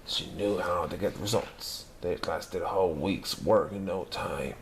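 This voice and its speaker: A man reading a children's picture book aloud in a lively, expressive storytelling manner. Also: sits low, unhurried, gravelly, noisy background. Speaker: narrator.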